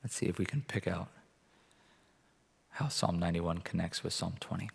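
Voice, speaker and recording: Low-voiced male pastor in a reverberant hall. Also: expressive, normal speed, vocal fry, husky. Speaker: pastor leading a church prayer meeting. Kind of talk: sermon with Bible reading. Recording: reverberant hall, long echo.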